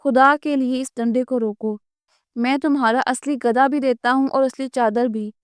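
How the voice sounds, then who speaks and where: Brief: a greedy middle-aged landlord in a kids' cartoon, read by a woman, pleading, with a smooth voice. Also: sits high, fairly even intonation, no room sound, studio quality, close to an everyday voice.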